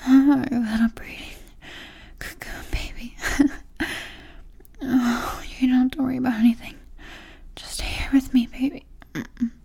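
A woman performing an intimate audio roleplay in a soft, breathy whisper. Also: high voice, level tone, measured pace, long pauses.

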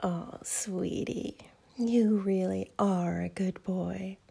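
A woman voicing a teasing, doting adult female fairy in a whispered audio roleplay, with a soft breathy whisper and slow, coaxing delivery. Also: medium pitch, steady tone, full character voice.

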